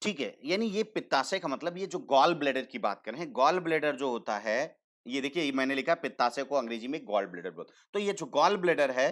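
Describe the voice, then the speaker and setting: A man teaching a science class, slowly repeating terms and asking the class questions before he answers them himself, often calling students "beta". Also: mid-range voice, lively intonation, a bit bright. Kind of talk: online science lesson.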